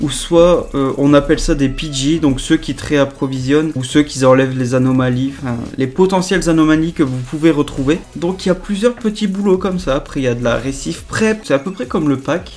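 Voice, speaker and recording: A man's voice: on the high side, a little fast, hardly any pauses, a little mellow. A young man, talking in an improvised casual vlog with many fillers. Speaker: vlogger. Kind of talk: unscripted casual vlog talk.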